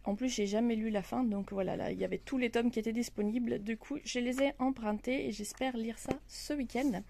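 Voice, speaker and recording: A woman chats casually about her reading in a vlog, her voice sitting a little high for a woman. She talks with her hands and fills her sentences with hesitations and restarts. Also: steady tone, a little fast, vocal fry, warm tone, a little hiss or hum. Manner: hesitant, many fillers and restarts. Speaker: book vlogger. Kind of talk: casual chat. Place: outdoor terrace.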